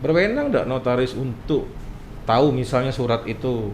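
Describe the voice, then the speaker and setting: A man's voice: medium pitch, sing-song, moderate pace, a little mellow. Palembang man explaining through a face mask, echoey room. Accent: Palembang, South Sumatra. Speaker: guest notary, association chairman. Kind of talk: casual explanatory interview talk. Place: indoor office room. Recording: echoey room with faint noise.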